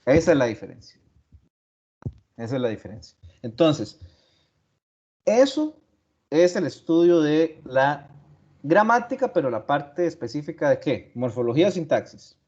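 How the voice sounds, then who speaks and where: A man's voice: a little high, expressive, moderate pace, warm tone. A male teacher giving an online class lecture, explaining step by step, repeating key words and asking rhetorical questions. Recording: dull lo-fi audio.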